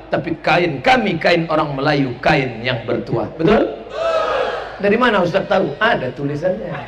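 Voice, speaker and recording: Man preaching to a big crowd. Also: a little high. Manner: jokey call-and-response with the crowd. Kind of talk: humorous public sermon. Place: large open-air religious gathering. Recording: echoey PA sound with crowd noise.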